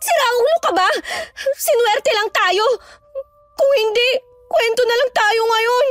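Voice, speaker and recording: A woman's voice: high-pitched, normal speed, darkish tone, dry recording, close to an everyday voice. A young woman acting as an anxious, superstitious younger sister in a horror audio drama, nagging and easily frightened. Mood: scolding. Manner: nagging, fearful, easily scared. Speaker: younger sister riding in a car.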